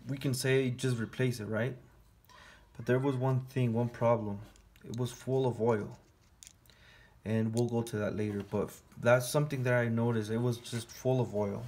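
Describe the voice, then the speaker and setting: A man with a mid-range, slightly mellow voice works in his garage, casually talking through a car sensor test step by step in a hands-on repair tutorial. He's an auto mechanic, and there's slight background noise.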